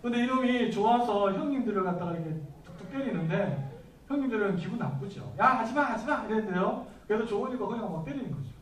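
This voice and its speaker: High-voiced pastor preaching in an echoey hall. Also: male voice, animated, fast. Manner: conversational preaching with questions to the congregation. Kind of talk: sermon. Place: church hall. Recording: echoey room from far off.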